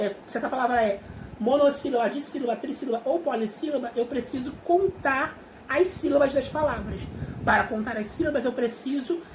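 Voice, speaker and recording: A high-pitched Brazilian woman teaching a young class, patient and clear, stretching out words syllable by syllable. Her voice rings in an echoey room. A faint hiss sits under the recording. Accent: Brazilian Portuguese. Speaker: primary school teacher. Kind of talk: remote class explanation.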